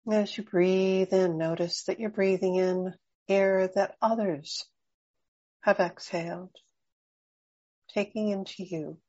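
Soft-spoken woman guiding a breathing meditation. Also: mid-range voice, fairly even intonation, lo-fi sound. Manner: slow, soft, soothing and unhurried. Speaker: meditation guide.

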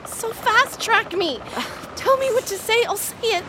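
A high female voice from an actress plays a young woman who is defensive, bitter and bewildered. It is audio drama acting, with clear watery, engine-like noise behind her. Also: lively intonation, unhurried. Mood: frantic.

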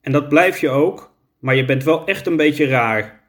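A man voicing an excitable, boastful young girl in a children's story read aloud. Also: a little high, measured pace. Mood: grumbling. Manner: exclamatory, boastful. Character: bold, excitable young girl, bit of a show-off.

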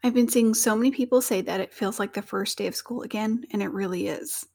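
Woman teacher podcasting from home, kinda gravelly and husky, chatty and casual. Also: medium pitch, a little mellow. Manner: chatty, informal, self-deprecating. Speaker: podcast co-host, science teacher. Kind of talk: casual solo podcast talk. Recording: uneven home audio, edited.

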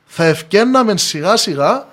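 A man's voice: high-pitched, lively intonation, a bit bright. A man with a Cypriot Greek accent, explaining his opinions as a guest in a podcast discussion.

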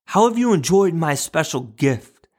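A man voicing a stern old woman who gave a magic gift, speaking a little higher and firmly. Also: very animated, measured pace.

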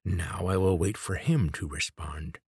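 Male reader voicing a desperate, menacing old man with a quavering voice; low and husky, audiobook. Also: measured pace, a little mellow, no room sound, studio quality, heavily acted. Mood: threatening. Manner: snapping, threatening.

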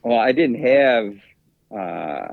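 A man's voice: mid-range voice, very animated, slow pace, vocal fry, no echo, phone-quality sound. A man, a track coach, telling stories in a casual interview in a laid-back way, with hesitant fillers. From United States.

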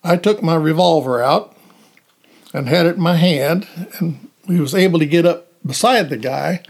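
A man's voice: a little high, moderate pace, gravelly. A man who is a police officer, recounting a car chase plainly in a casual interview.

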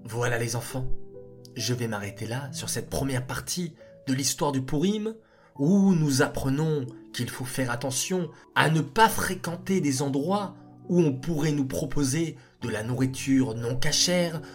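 A man narrating a story for children in an expressive way, speaking to them directly. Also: medium pitch, a little slow, faint music behind. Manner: animated and expressive.

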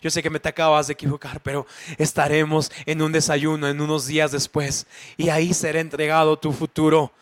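A man voicing Jesus as a tender, loving grown man who softly coaxes a friend with repeated gentle pleas. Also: on the high side, level tone, fairly quick, no room sound, natural voice. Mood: tender pleading. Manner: soft repeated coaxing pleas.

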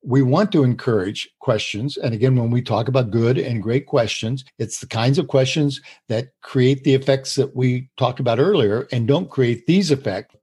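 A husky-voiced man at an everyday middle pitch talks through ideas with a co-host. He explains in an earnest, steady way and laughs easily between points. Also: moderate pace, hardly any pauses. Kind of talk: conversational podcast talk on communication.

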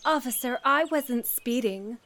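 A woman playing a young adult female driver who speaks in a measured, reasonable way. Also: on the high side, bright, forceful tone, a little hiss or hum. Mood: defensive.

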